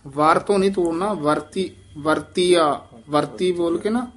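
A man's voice: high-pitched, a bit bright. Patient man teaching scripture recitation. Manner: patient, repeats phrases slowly to demonstrate. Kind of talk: correcting pronunciation of recited scripture.

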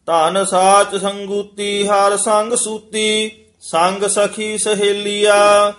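Slow, chanting man reciting scripture. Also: high voice, monotone, fairly bright tone, soft background music. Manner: slow, measured, sung-through reading.

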